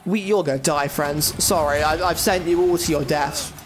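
Chatty high-voiced gamer. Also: male voice, steady tone, normal speed. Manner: chatty, thinking aloud, jokey asides. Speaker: gaming YouTuber. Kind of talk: casual let's-play commentary.

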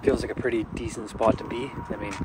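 A man's voice: lowish voice, steady tone, fast talker. Laid-back young man vlogging outdoors. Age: young adult. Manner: laid-back slangy commentary. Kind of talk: casual vlog narration. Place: outdoor parking lot and inside a car. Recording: loud outdoor and vehicle noise.

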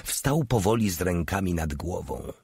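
A man narrating an audiobook in a steady, measured reading. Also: deep voice, gravelly, husky, no echo, clean studio sound. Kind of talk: scripted narration.

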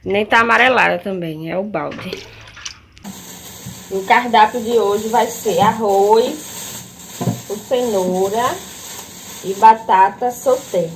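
Holding her phone camera, a young Brazilian vlogger talks her viewers through errands outdoors and then cooking in her small kitchen, chattily addressing them as "minha gente". She speaks slowly in a mid-range voice, pausing often, while background noise comes through clearly.

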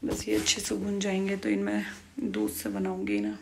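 A young woman talks quietly through a casual home vlog, slipping into whispers late at night. Her voice carries a gravelly fry. The phone recording has a clear hiss of noise behind it. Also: medium pitch, big pitch swings, normal speed. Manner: speaks softly at night, often whispering. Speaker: vlogger. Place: home kitchen and bedroom at night.

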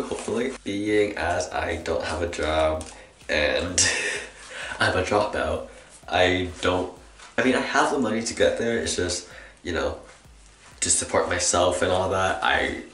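A man's voice: low-pitched, fairly bright tone. A young adult man vlogging in a casual, rambling, self-deprecating chat, saying w for r. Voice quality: trouble pronouncing R sounds, says w for r. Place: small bathroom, indoors. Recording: echoey small-room camera recording.

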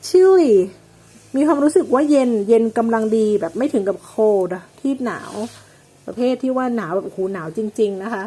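A woman teaching English weather words, explaining each one slowly and patiently, with many polite particles. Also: on the high side, warm tone, breathy edge. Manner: slow, drawn-out explanations with frequent polite particles. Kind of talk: English vocabulary lesson.

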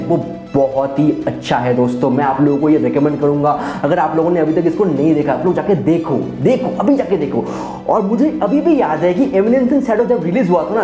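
A young Indian man, a YouTube anime reviewer, offers casual, enthusiastic commentary to viewers he treats as friends, often repeating phrases for emphasis. His voice is a little high with a dark tone. Faint music plays behind him in a roomy, echoey recording.

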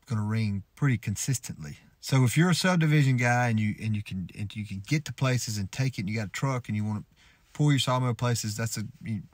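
A man in his thirties giving relaxed, folksy advice to the camera from inside a parked pickup truck, often restarting his words. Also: lowish voice, no room sound. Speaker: sawmill owner and homesteader vlogger. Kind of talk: casual advice talk to camera.

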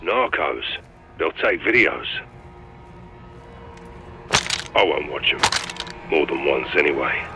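Ghost, very deep deadpan soldier. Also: male voice, measured pace, highs cut off, music in the background, full character voice. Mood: cold deadpan. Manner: deadpan, clipped, dry. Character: stoic masked British special forces lieutenant, darkly deadpan. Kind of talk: naturalistic video game acting.

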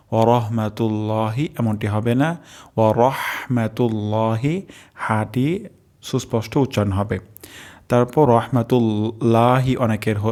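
A man with a lowish voice gives a careful pronunciation lesson at a very unhurried pace. He stretches out every syllable when he demonstrates a sound. His explanations come in short, patient steps. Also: darkish tone. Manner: drawls out each syllable when modelling sounds; slow, careful instruction. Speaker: teacher.

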